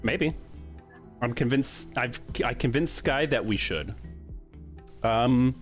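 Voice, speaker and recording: A young man chats casually on a game stream, slipping into animated, laugh-filled storytelling. His voice sits in a middle pitch, and faint music plays behind him. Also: slow. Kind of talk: casual gaming stream chat.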